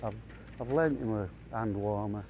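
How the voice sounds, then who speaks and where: A man's voice: on the low side, normal speed, dark tone, a little hiss or hum. A man golfing with a friend, chatting and bantering in a dry, self-deprecating way out on the course. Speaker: mid-handicap golfer, regular guest. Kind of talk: casual banter. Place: outdoors on a golf course.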